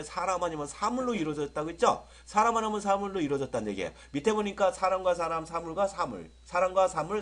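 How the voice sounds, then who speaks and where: A middle-aged man from South Korea lectures on English grammar in a slightly husky voice. His pitch sits a little high and swings widely as he talks. He keeps checking in with his students to see if they understand. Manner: lively, keeps asking students if they follow.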